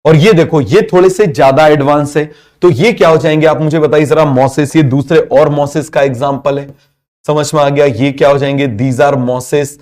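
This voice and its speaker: A man's voice: fairly high pitch, steady tone, normal speed, darkish tone. Hindi-speaking male teacher quizzing his class. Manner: quizzes the class with repeated questions and has them repeat answers; mixes Hindi with English terms. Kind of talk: classroom biology lecture.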